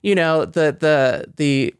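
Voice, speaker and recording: A middle-aged man with a fairly high, clear, resonant voice speaks slowly in an echo-free studio recording. As a podcast co-host in a reflective discussion, he comes across as earnest and thoughtful, with tentative, searching phrasing.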